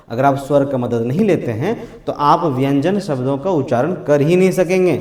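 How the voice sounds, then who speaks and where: A man's voice: on the high side, darkish tone. Echoey male Hindi grammar teacher. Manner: asks questions and answers them himself, repeats key words; voices students' objections. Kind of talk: classroom lecture.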